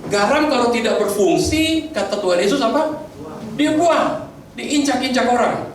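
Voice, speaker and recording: A man's voice: very high voice, animated, moderate pace, recorded from a distance, a little hiss or hum. Preaching man in an echoey church hall. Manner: preaching with many rhetorical questions to the congregation; stammers and restarts words. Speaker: pastor. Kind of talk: sermon.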